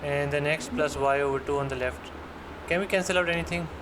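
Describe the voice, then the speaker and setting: A man's voice: a little high, steady tone, fairly quick. A man with a Pakistani accent giving an interactive one-to-one maths lesson online, encouraging and leading step by step with questions. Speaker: maths tutor. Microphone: computer mic on online screen-share call. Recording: noisy online lesson audio, background hum.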